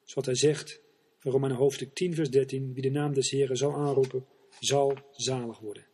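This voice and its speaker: A man's voice: medium pitch, fairly even intonation, normal speed, darkish tone, husky. A man voicing a poor male beggar who humbly confesses his failures and his faith, in a sermon parable. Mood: humble.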